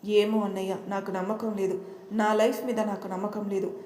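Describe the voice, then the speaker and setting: A woman's voice: medium pitch, flat delivery, moderate pace, lightly acted. A woman voicing a meek, anxious young wife who speaks with doubt and sorrow. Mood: worried. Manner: soft, doubtful. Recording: roomy echo.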